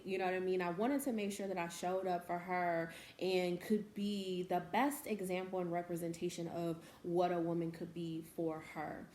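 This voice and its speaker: A woman's voice: fairly low pitch, darkish tone. A woman host and mother talking in a heartfelt, emotional way, often laughing. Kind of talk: emotional casual talk. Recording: echoey room, faint noise.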